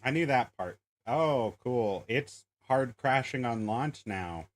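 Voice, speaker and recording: A man's voice: medium pitch, lively intonation, takes it slowly. A man hosting a gaming stream, talking casually and cursing, laughing as he argues his case. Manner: laid-back, profane, laughs while arguing. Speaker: streamer host. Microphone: voice chat mic.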